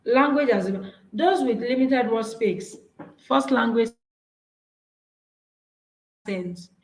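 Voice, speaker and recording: Speaking slowly in a voice on the high side, a woman with a Nigerian accent, whose first language is Yoruba, gives an earnest, encouraging workshop talk with slides. She often restarts her phrases. The low-quality recording was made in an echoey room.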